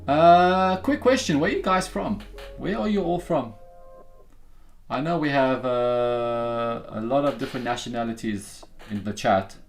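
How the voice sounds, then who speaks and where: A young man talks to his live-stream audience in a chatty, upbeat way, tossing in "guys" and "bro" as he goes. His voice sits at an ordinary middle pitch. Soft music plays faintly behind him. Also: measured pace, gravelly. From South Africa. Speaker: livestream trading host. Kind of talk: casual live-stream chat.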